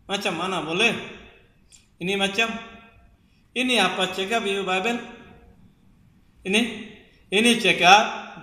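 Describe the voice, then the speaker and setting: A man's voice: high voice, sharp tone. A man arguing religion in a heated, repetitive way, sometimes half-singing the lines he quotes. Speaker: religious preacher. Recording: echoey hall reverb.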